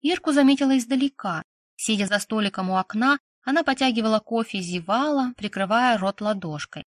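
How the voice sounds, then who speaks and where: Woman giving a lively first-person storybook reading. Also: a little high, fairly quick, no echo, studio quality. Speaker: audiobook narrator. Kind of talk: first-person scripted narration.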